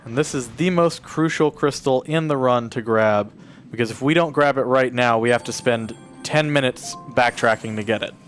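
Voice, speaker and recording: Faint music sits behind this man as he speedruns a game live at a charity marathon, talking casually about his route and speaking to the characters to urge them on. He has a mid-range voice and a moderate pace.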